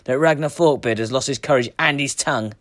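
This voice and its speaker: A man's voice: mid-range voice, fairly quick, a bit bright, no echo, clean studio sound, lightly acted. A man voicing a bold Viking leader in a storybook, earnest and declamatory. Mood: reproachful. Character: bold Viking leader, commanding young-hearted hero.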